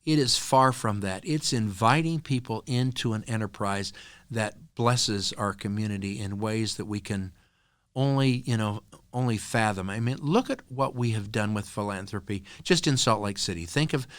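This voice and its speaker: Man, podcast guest, earnest storyteller, lowish voice, dry close sound. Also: normal speed, no echo. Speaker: podcast guest, nonprofit co-founder. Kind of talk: conversational interview storytelling.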